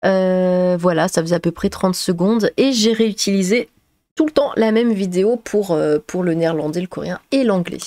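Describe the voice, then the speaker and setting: A woman's voice: on the low side, moderate pace, dark tone, dry recording. A woman chatting casually to her viewers, rambling with many fillers and hesitations, into a headset. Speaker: YouTuber.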